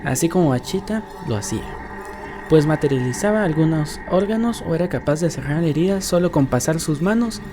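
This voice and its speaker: A man delivers scripted documentary narration for a podcast. His pitch is a bit high for a man, and loud music runs beneath him. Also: lively intonation, brisk.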